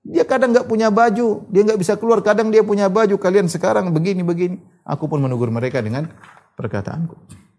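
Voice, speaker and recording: A man giving a religious lecture, reciting Arabic narrations and retelling them in a lively storytelling way. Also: high voice, a little fast. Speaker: Islamic preacher.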